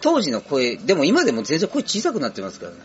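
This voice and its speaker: A man co-hosting a casual chat show, quick and animated, sometimes laughing. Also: on the high side, dull audio, soft background music. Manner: animated, quick, laughs and jumps into loud impressions. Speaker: podcast co-host.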